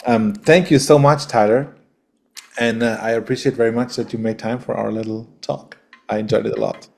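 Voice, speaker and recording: A man hosting a casual interview, speaking in a friendly, halting way and often repeating words. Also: medium pitch, fairly even intonation, vocal fry, soft background music. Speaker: interview host.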